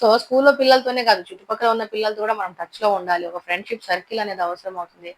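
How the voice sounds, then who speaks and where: Woman giving parenting tips, earnest, says the main points twice, mid pitch. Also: steady tone, rapid-fire, poor audio. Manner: repeats key points, mixes in English words. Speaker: parenting class teacher. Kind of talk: earnest advice talk to parents.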